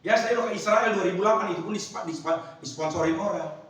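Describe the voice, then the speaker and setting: A man's voice: high voice, fast talker, fairly bright tone. A man preaching a sermon as pastor, in casual, slangy speech with call-and-response to the congregation. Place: church hall. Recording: very echoey church hall, mic at a distance.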